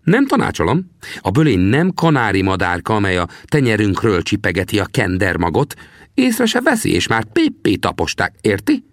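A man's voice: lowish voice, huge pitch swings, no echo, clean studio sound, voice pushed up. A man voicing a teasing old male frontier trapper in an audiobook, with a mocking, cackling manner. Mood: stern.

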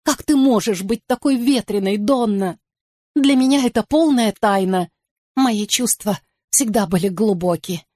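A woman's voice: a little slow, darkish tone, dry recording, clean studio sound, lightly acted. A woman voicing a melodramatic young woman who sobs out tearful reproaches in a raised voice. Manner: tearful, reproachful, high-pitched.

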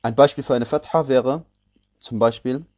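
A man teaching a recorded tajweed lesson, explaining rules slowly and methodically and repeating each example word aloud. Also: medium pitch, steady tone, a little mellow, muffled recording. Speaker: Quran recitation teacher.

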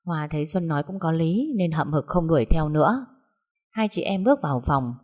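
A woman storyteller reading out a family drama. Her delivery is steady and dramatic, and her voice sits fairly low. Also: brisk. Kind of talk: scripted narration of a family drama.

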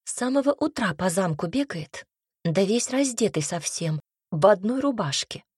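A woman's voice: mid-range voice, expressive, moderate pace, darkish tone, breathy edge, no room sound. Woman voicing a chatty young maid, gossipy, gushing, lighter voice, dry close sound, storybook.

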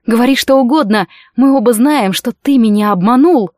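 A woman's voice: a little high, normal speed, a little mellow, no echo, studio quality, natural voice. A woman reading an audiobook, voicing a desperate young woman who pleads tearfully and insists.

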